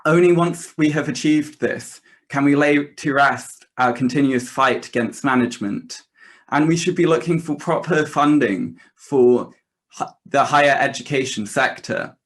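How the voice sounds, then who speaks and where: A man's voice: medium pitch, measured pace. A young man delivering a prepared political rally speech as a student activist, in earnest, declarative, emphatic phrases. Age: young adult.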